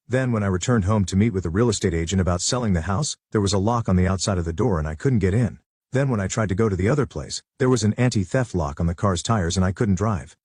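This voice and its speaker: Calm husky male story narrator. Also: low-pitched, dry recording, clean studio sound. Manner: calm, matter-of-fact. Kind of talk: scripted first-person narration.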